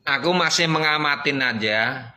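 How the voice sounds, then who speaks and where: A man giving a casual opinion, halting and stammering with an amused tone. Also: on the high side, bright, forceful tone, a little hiss or hum. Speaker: viewer posting a clip.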